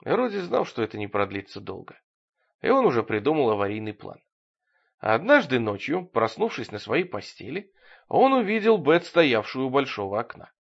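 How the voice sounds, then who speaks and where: A man reads an audiobook in an ironic, expressive way, with a lively, wide-ranging pitch. The recording is dull and lo-fi. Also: moderate pace, vocal fry, husky. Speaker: audiobook narrator. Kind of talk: scripted audiobook narration.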